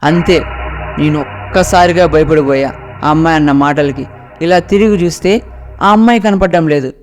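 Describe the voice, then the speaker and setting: A man's voice: on the high side, normal speed, soft background music. A man narrating a first-person ghost story in a dramatic storytelling manner.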